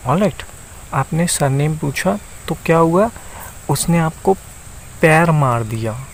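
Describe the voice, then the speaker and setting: A man teaching a map lesson, speaking slowly and repeating himself, often checking in with the viewer. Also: medium pitch, creaky, fairly bright tone, a little hiss or hum, low-quality recording. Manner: slow, repeats itself and keeps checking in with the viewer.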